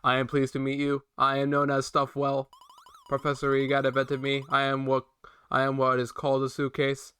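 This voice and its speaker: A man's voice: mid-range voice, completely flat delivery, normal speed, fairly bright tone, clean tone, natural voice. A man voicing a talking suitcase assistant in a game, reading in a stiff, formal way with small stumbles.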